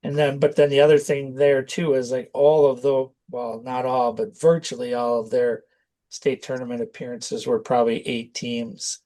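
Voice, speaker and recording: A man's voice: mid-range voice, little pitch movement, moderate pace, mellow, rough recording. A man with a mid-range voice talks through a sports preview. His delivery is conversational and analytical, like a casual commentator weighing up a matchup.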